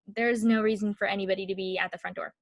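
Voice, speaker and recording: Speaking fast in an even, mid-range voice, this young adult woman co-hosts a podcast. She tells chatty, lively stories, says "like" often, and performs the dialogue.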